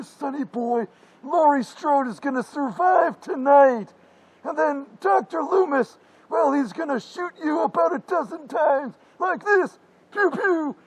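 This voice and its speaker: A man voicing a weary, older masked slasher who rants in frantic, crude, yelling bursts in a comedy parody sketch. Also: very high-pitched, poor audio.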